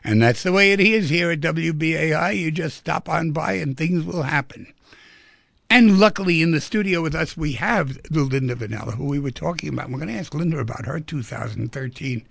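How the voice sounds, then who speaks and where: A man's voice: a little high, lively intonation, a little fast, gravelly, a bit bright, dry recording. A man hosting a radio talk show, chatty and rambling, asking guests lots of questions. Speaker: radio host. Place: radio studio.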